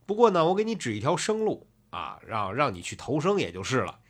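Storyteller playing a cool sneering fortune teller, unhurried, lively pitch. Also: male voice. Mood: calm. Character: calm, sneering old male fortune teller.

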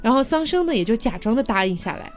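Woman, co-host, casual storytelling, expressive, animated and high-pitched. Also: quick pace, soft background music. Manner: chatty, expressive, laughs often. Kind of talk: casual retelling of a ghost tale.

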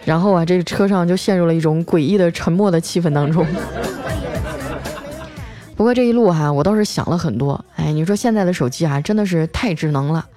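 A woman's voice: fairly low pitch, fairly quick, a crowd in the background. Woman comic storyteller, chatty and casual, faint music underneath. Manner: chatty, with frequent filler particles.

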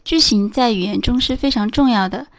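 A woman teaching English in a scripted lesson, reading out example phrases slowly and clearly. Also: fairly high pitch.

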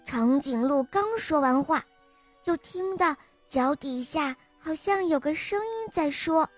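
A woman narrating a bedtime story for children in a gentle manner, speaking directly to the little listeners. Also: sits high, lively intonation, unhurried, faint music behind.

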